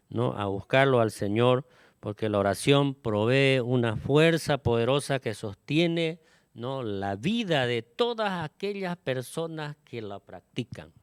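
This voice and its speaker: A man preaching a sermon to his congregation, often tagging his phrases with a questioning "¿no?" and filling pauses with "este". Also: mid-range voice, smooth, dry recording, studio quality.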